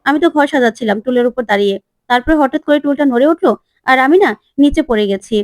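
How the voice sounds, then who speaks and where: A woman voicing a touchy young wife who snaps back quickly in a retold TV serial. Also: sits high, a little mellow, dry recording, clean studio sound, close to an everyday voice. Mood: defensive. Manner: snapping, quick.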